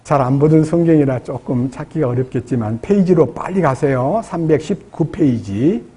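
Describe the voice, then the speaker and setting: A man delivers a sermon in a church, questioning his listeners and dropping into acted prayers. His voice sits high for a man and carries a husky, breathy edge. He speaks as a pastor addressing his congregation. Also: expressive, normal speed, mellow.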